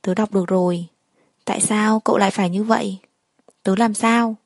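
A woman's voice: mid-range voice, fairly even intonation, normal speed, a little mellow, no echo, clean studio sound, natural voice. A woman voicing a caring young female friend, tearful and pleading, read as a storybook character.

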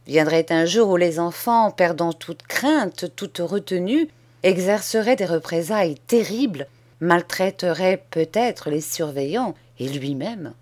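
A woman's voice: on the low side, animated, measured pace, a little mellow. Woman reading a children's novel. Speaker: audiobook reader. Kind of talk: scripted narration of a children's novel.

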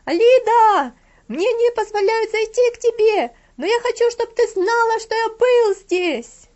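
A woman voicing a shouting shepherd boy. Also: extremely high pitch, expressive, a little slow, lo-fi sound, voice pushed up. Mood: desperate shouting. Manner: shouting with all his strength. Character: eager shepherd boy calling out.

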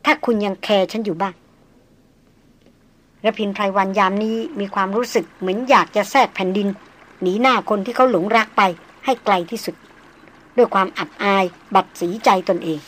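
Calm woman narrating a novel. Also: mid-range voice, normal speed. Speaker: audiobook narrator.

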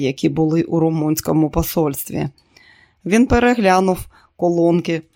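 An audiobook narrator reading a novel in a steady, even voice. The pitch sits in an unremarkable middle range, and the reading moves along evenly. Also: dry recording, clean studio sound.

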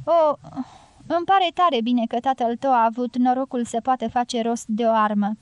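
A woman reading an audiobook, voicing a loud, blunt, domineering middle-aged guerrilla woman in a raised, forceful voice. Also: on the high side, clean tone, no echo, lo-fi sound, lightly acted. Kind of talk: audiobook character voice.

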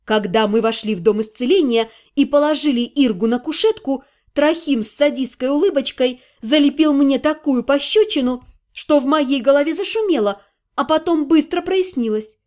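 A woman with a high voice narrates a first-person audiobook. She reads expressively and plays up the heroine's feelings. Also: moderate pace. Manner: lively and expressive, playing up the heroine's emotions.

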